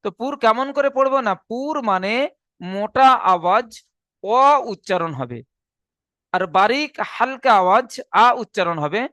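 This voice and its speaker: A man's voice: high-pitched, expressive, moderate pace, pushed and bright, dry recording. A man teaching an online Quran reading class, patient, repeating each letter and point twice.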